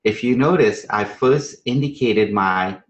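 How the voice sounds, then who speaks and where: In an echoey room, a man from Trinidad and Venezuela leads a live math strategy session for teachers, his fairly low voice unhurried and the sound lo-fi. He talks conversationally and with emphasis, tossing out rhetorical questions and frequent check-in tags.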